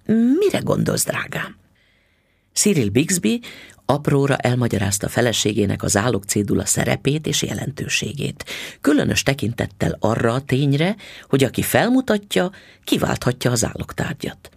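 A man reading a short story aloud as an audiobook narrator, in an expressive reading style with lively intonation. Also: medium pitch, creaky, slightly rough, dry recording.

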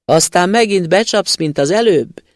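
A man doing a sly, quick-witted young student. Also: high voice, lively intonation, no echo, studio quality, pitched above the performer's own voice. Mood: cheeky. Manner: cheeky, quick-witted replies.

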